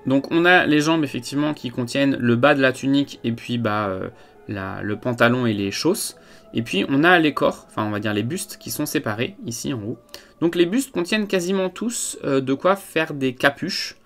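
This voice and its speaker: A man of average pitch talks through a box of miniatures in a relaxed, unscripted way. He hesitates often and restarts his sentences. Faint music plays quietly behind him. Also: moderate pace. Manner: hesitant, many fillers and restarts. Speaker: wargaming hobby reviewer. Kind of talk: casual unboxing review.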